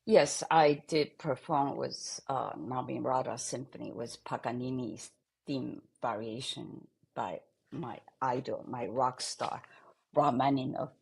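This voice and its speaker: An older woman from Taiwan, a pianist and composer, speaking in an interview and trailing off softly at the ends of phrases. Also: extremely low pitch, gravelly, breathy edge. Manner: halting non-native English, trailing off softly at phrase ends. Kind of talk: interview conversation.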